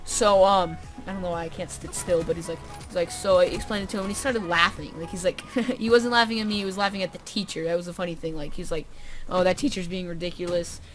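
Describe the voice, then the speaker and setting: A woman's voice: fairly low pitch, fast, hardly any pauses, soft background music. A young woman vlogger telling a story casually to camera, full of "um" and "like" fillers, with dry sarcastic asides.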